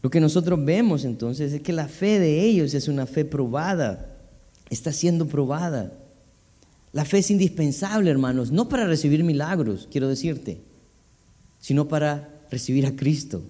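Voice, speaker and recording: A man's voice: fairly high pitch, lively intonation, normal speed, warm tone. A man preaching a sermon as pastor, reading scripture aloud and then explaining it with asides to the congregation. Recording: long reverb of a hall.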